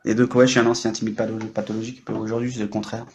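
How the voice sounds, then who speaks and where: On an off-the-cuff livestream, a chatty man in his thirties, late thirties to be exact, jumps from topic to topic, teasing viewers and making self-deprecating jokes. He talks very fast into a microphone, his fairly low, slightly mellow voice delivered flatly over a little hiss or hum.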